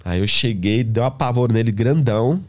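A man's voice: mid-range voice, fairly quick. A man telling stories in a casual podcast, acting out dialogue with street slang. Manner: animated, acts out dialogue with slang. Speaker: hair stylist guest.

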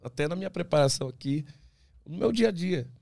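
A man, an ultramarathon runner from Brazil, talking as a podcast guest, animated and full of restarts, acting out what others say. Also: fairly high pitch, fairly quick, vocal fry, no echo, clean studio sound. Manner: animated storyteller, many restarts, acts out quoted voices. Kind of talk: casual interview talk.

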